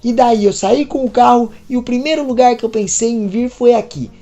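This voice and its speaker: A woman's voice: on the high side, fairly quick, warm tone, lo-fi sound, soft background music, voice pushed up, natural voice. A woman voicing an upset young married woman who speaks anxiously and pleadingly. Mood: distressed.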